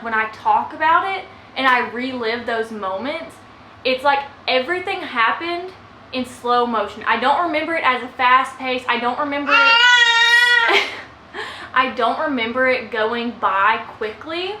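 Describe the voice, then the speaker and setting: A young woman vlogger talks casually to the camera about her own life, growing emotional and nearly crying at points. Her voice is high, pushed and bright, at a moderate pace, recorded in an echoey room with faint ambience and slight background noise.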